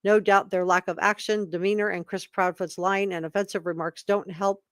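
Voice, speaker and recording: A woman's voice: medium pitch, steady tone, normal speed, a bit bright, smooth, no echo. Emphatic woman livestream commentator, dry close sound. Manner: emphatic, repeats key words for effect; opinionated, informal asides between read passages. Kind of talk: live commentary, reading statements aloud to chat.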